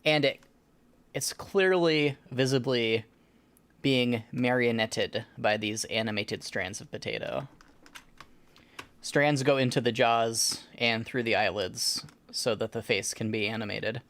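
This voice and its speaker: A man narrating a tabletop role-playing game as game master, describing scenes in a halting, improvised way. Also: medium pitch, a bit bright.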